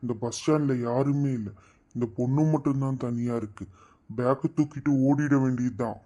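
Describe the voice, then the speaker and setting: A man's voice: mid-range voice, steady tone, moderate pace, dark tone, close to an everyday voice. A man voicing a sneaky, scheming male thief who mutters to himself. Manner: sly muttering asides.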